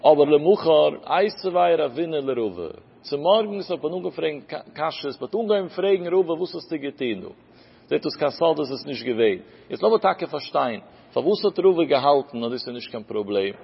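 A man's voice: a little high, lively intonation, a little fast, creaky, breathy edge. A man giving a Talmud lecture, explaining step by step and asking and answering his own questions. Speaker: Talmud teacher. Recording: lo-fi recording with long hall reverb.

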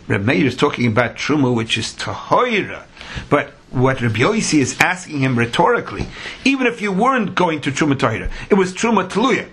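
A man's voice: a little high, fairly bright tone, breathy edge. A man teaching a religious lesson in a sing-song, argumentative way, with rhetorical questions and emphatic repetition. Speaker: Talmud teacher.

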